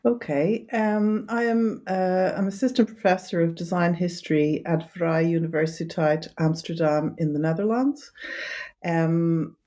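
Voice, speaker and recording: A woman from Ireland, an academic author, answering interview questions thoughtfully with many small fillers and pauses. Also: fairly low pitch, steady tone, dark tone. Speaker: author and design history academic.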